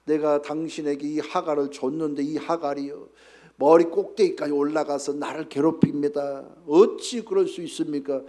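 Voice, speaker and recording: Pastor acting out Sarah, the aggrieved wife. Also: male voice, on the high side, steady tone, normal speed, dark tone, natural voice. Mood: complaining. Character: Sarah, a wronged, complaining wife.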